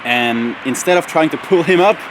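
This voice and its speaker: A man's voice: on the high side, expressive, normal speed, background noise. A young man vlogging casually outdoors, rambling with lots of fillers and restarts. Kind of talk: casual vlog monologue.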